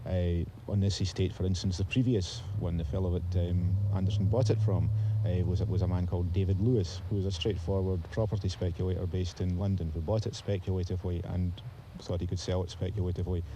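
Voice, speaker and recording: Low-voiced, emphatic male interviewee. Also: steady tone, a little fast, hardly any pauses, mellow, slight background noise, low-quality recording. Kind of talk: opinionated interview commentary.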